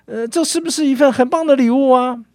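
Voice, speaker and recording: Eager impatient small boy, squealing and hurried, put on by a male preacher. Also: very high-pitched, no room sound, studio quality, voice pushed up. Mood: impatient, excited. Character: eager excited little boy.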